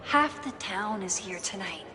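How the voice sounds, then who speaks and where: Over game audio thick with loud noise and a crowd, an actress plays a wry, reflective young woman, speaking both dialogue and inner thoughts dryly. Her mid-range voice is unhurried, with lively intonation.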